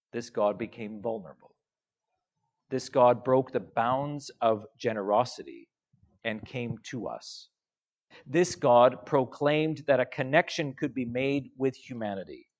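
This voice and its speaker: Guy giving a sermon, real slow and deliberate, voice drops soft at the ends of lines. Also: mid-range voice, expressive. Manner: slow, measured, with soft trailing phrase endings. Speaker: preacher.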